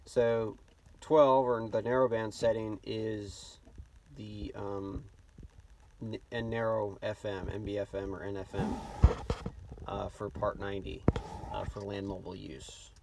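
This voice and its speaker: A man with a lowish voice and heavy vocal fry gives an informal hands-on demonstration, feeling his way as he goes. He is recorded a little away from the mic inside a car, with clear noise and clicking. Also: little pitch movement, measured pace, a little mellow. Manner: hesitant, off the cuff. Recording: noisy, distant mic, clicks. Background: radio broadcast, clicks, noise.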